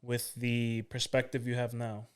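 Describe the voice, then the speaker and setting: A man's voice: mid-range voice, monotone, measured pace, clear, resonant tone. A man co-hosting a podcast, asking questions in an easygoing casual chat. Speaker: podcast co-host, interviewer.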